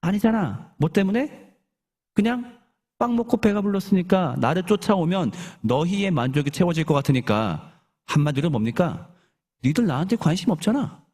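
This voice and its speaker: A man's voice: high-pitched, expressive, normal speed, darkish tone, pitched above the performer's own voice. A male pastor acting out Jesus in a sermon as an exasperated grown man who speaks bluntly and casually to his followers. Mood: stern.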